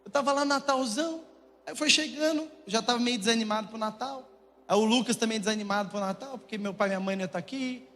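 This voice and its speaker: A young man with a Brazilian Portuguese accent, preaching a humorous sermon and telling jokey, animated stories to a congregation in a church. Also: extremely high pitch, quick pace. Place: church auditorium. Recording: long church hall reverb, faint noise.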